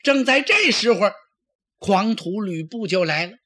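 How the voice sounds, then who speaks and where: A man's voice: sits high, lively intonation, unhurried, sharp tone, no echo, studio quality, voice pushed up, full character voice. A man voicing a tearful, cunning young concubine who pleads and protests in a traditional storytelling performance. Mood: tearful pleading.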